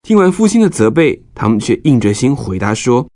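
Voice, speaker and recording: A man's voice: mid-range voice, very animated, brisk, warm tone, dry recording, studio quality. A man narrating a scripted Bible story for children, explaining things as if to young listeners.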